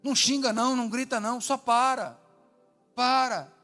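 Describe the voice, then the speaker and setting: High-voiced preaching pastor, man. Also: moderate pace. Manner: animated preaching with acted quotes, rising and dropping to a hush. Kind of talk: sermon. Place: large church hall. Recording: long hall reverb with faint music.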